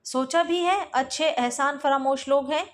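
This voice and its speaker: A woman voicing an exasperated middle-aged wife who scolds her husband with sharp, complaining questions while she reads a play aloud for exam study. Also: high voice, a little slow. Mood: reproachful.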